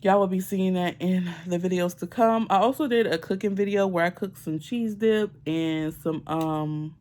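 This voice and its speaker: A young woman vlogging casually, telling a story in an animated, profane, exasperated rant with lots of slang. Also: on the low side, normal speed. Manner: colloquial slang-heavy speech.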